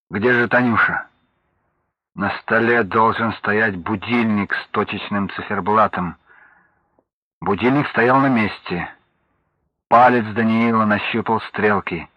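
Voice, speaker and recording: Brief: male audiobook reader, husky and measured, dry close mic. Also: on the low side, no room sound. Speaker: audiobook narrator. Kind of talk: scripted narration. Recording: dull lo-fi audiobook recording.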